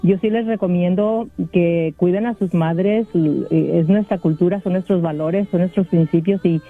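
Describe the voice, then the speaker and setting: A woman's voice: fairly low pitch, husky, faint music behind. Older lady caller, bad phone connection, tinny lo-fi line, earnest, keeps restarting sentences. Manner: earnest, halting with many restarts. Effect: poor-connection phone line. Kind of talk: call-in phone chat.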